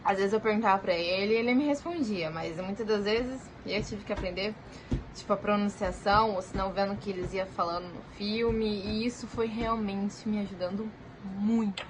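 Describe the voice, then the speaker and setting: A woman's voice: mid-range voice, normal speed, noisy background. Chatty Brazilian Portuguese woman. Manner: chatty, animated, acts out quoted dialogue. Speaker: vlogger. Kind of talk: casual storytelling vlog.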